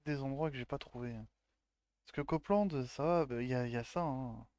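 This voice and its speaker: A man's voice: medium pitch, moderate pace, darkish tone, clear, resonant tone, no room sound. A man doing casual, offhand live commentary while he plays a video game. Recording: game noise behind the voice.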